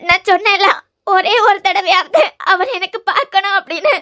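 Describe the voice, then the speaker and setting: A grieving cartoon mother with a Kanyakumari Tamil accent, pleading over and over through tears, as a woman voices her. Her voice is very high. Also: normal speed, sharp tone. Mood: tearful. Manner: pleading, tearful, repetitive. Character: grieving elderly mother begging her lost son's forgiveness. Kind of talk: cartoon web series voice acting.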